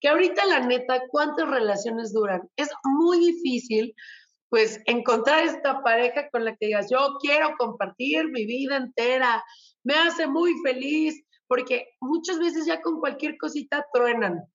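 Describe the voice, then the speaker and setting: A woman's voice: high voice, a little slow, highs cut off. A woman with a Mexican Spanish accent hosting a casual show segment, telling stories in a playful, gossipy way and acting out the quotes. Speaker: show host. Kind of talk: casual chatty news segment.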